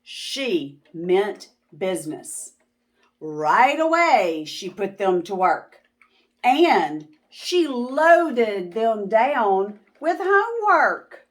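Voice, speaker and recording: Casting: female read-aloud narrator for children, unhurried, dramatic, highly animated pitch. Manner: dramatic, deliberate. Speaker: children's storybook reader.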